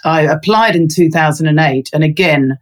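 A deep-voiced London woman, a resilience researcher, talks at a moderate pace in a casual interview. Thoughtful and chatty, she uses plenty of ums and fillers.

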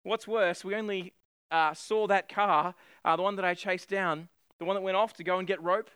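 High-voiced man preaching a sermon. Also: steady tone, moderate pace, sharp tone, clear, resonant tone, no room sound, studio quality. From Australia. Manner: storytelling with self-deprecating humor. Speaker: pastor.

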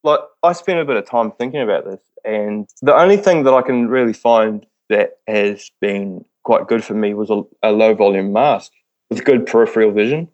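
A man with a broad Kiwi accent talks casually as an interview guest. His voice sits a little low, and he has a slangy, laid-back way of talking with a joking streak. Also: normal speed, a little mellow, highs cut off. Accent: broad New Zealand. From New Zealand. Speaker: podcast guest, spearfisher.

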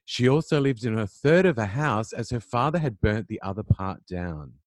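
A man's voice: mid-range voice, lively intonation, normal speed, no room sound, studio quality. A man hosting an interview podcast, introducing his guest and responding to her with effusive, affirming remarks. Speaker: podcast host.

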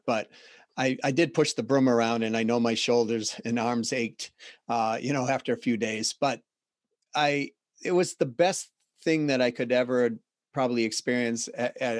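A man in his fifties with a Boston accent, a podcast guest telling stories in an earnest, reflective way with halting restarts. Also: mid-range voice, no room sound, clean studio sound. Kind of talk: casual interview talk.

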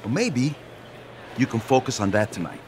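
An actor playing an enthusiastic, persuasive music label boss. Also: male voice, mid-range voice, very animated, moderate pace, noisy background, lightly acted. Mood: eager. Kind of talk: audio drama acting.

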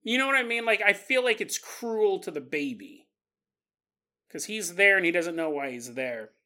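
A man's voice: high voice, lively intonation, normal speed, sharp tone. A man hosting a podcast, rambling through a comic monologue and often laughing mid-sentence. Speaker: podcast host.

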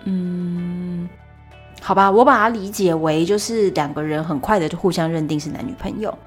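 A young woman hosts a solo podcast, telling stories in a chatty, animated way and stopping for exasperated asides. Her voice sits fairly low for a woman. Faint music plays underneath her. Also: normal speed. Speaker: podcast host.

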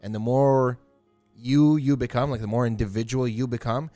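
A man's voice: mid-range voice, fairly even intonation, normal speed, warm tone, dry recording, soft background music. A man in his thirties co-hosting a podcast, rambling and leaning heavily on filler words. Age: 30s. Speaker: podcast co-host. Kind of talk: casual chat.

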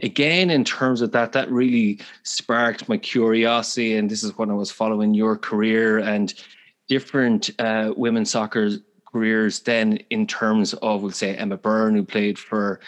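A man's voice: on the low side, level tone, moderate pace. A middle-aged man with an Irish accent, interviewing as a podcast host in hesitant, wordy phrasing.

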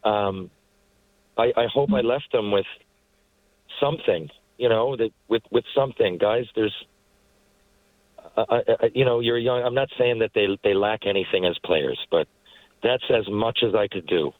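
With a fairly low pitch and a moderate pace broken by frequent pauses, this Newfoundland man in his forties, a retired hockey player, talks as an interview guest. His casual, heartfelt answers ramble and keep restarting, captured in a rough recording with no room sound.

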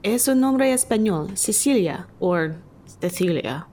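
A woman's voice: mid-range voice, lively intonation, takes it slowly, a little mellow. An actress playing a puzzled young female student in a scripted audio drama.

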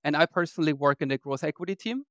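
A man from Austria, an investor guest on a podcast, explaining in a measured way. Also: on the high side, animated, fairly bright tone, no echo. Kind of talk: podcast interview.

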